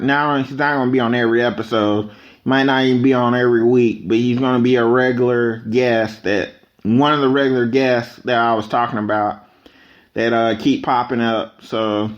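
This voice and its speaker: A man talking casually and unscripted as a solo podcast host, with rambling conversational asides. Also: medium pitch. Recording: slightly dull, lo-fi microphone audio.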